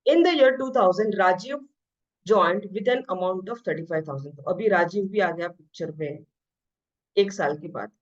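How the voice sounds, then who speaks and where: Hindi-English math teacher, woman. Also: on the low side. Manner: mixes Hindi and English, reads questions slowly, explains quickly. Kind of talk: exam-prep math lesson. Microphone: screen-share voice recording. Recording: slightly dull lo-fi audio.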